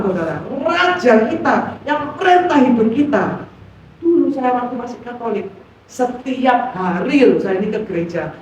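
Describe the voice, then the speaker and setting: A woman from Pasuruan with an East Javanese accent, preaching a lively sermon in church and acting out quoted complaints. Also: a little high, a little hiss or hum. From Pasuruan, East Java. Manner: lively, acts out quoted complaints, asks the congregation questions. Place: church hall. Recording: echoey hall from far off, dull sound.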